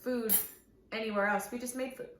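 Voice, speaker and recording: A woman's voice: a little high, steady tone, brisk. A young woman vlogger chatting casually, telling rambling stories at home. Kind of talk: casual chat. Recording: echoey room, faint noise.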